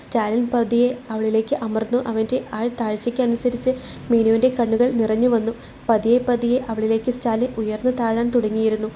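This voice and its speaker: A woman's voice: fairly high pitch, flat delivery, a little fast, mellow, slight background noise. A woman storyteller narrating a romance story, reading every character in her own voice.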